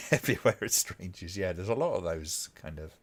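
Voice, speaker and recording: Man, from the UK, low voice, casual rambling chat, frequent chuckles, live stream host. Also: lively intonation, moderate pace. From United Kingdom. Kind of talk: casual chat reacting to old clips.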